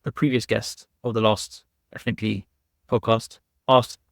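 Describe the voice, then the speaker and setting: A man's voice: lowish voice, little pitch movement, measured pace, vocal fry, no room sound, studio quality. A man hosting a podcast who asks his guest questions in an easygoing, conversational way. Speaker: podcast host. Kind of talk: podcast interview.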